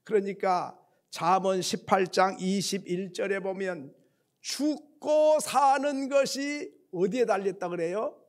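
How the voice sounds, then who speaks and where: A man's voice: high-pitched, slow pace. A man preaching a sermon, telling a story and acting out its voices. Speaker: pastor.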